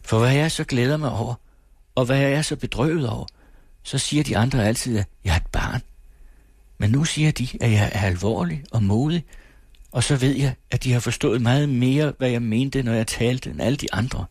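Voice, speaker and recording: A man's voice: medium pitch, a little mellow, husky, dry recording, studio quality, pitched above the performer's own voice. A man reading aloud, voicing a shy, earnest young woman who speaks eagerly and breathlessly. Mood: eager joy.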